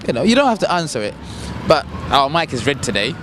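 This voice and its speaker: A man's voice: mid-range voice, very animated, fast, background noise. A man hosting a casual street interview, teasing and jokey, often tripping over his words. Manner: jokey, stammering restarts, teasing. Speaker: interviewer, host.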